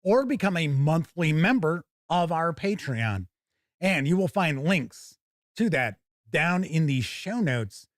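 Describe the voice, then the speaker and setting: An American YouTube live stream host with a fairly high-set voice chats colloquially, leaning on words for emphasis. He's expressive and slow. The sound is close and dry, with very little room in it.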